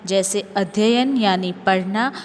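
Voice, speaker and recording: A woman teacher talks through a grammar lesson at an unhurried pace, spelling out each point with care. Her voice trails off into a long reverb, and faint ambient noise sits under it. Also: mid-range voice. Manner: slow, careful explaining, reads example sentences aloud.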